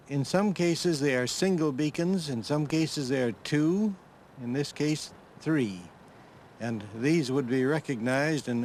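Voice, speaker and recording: A man's voice: medium pitch, slight background noise, poor audio. Earnest male archaeologist explaining on site.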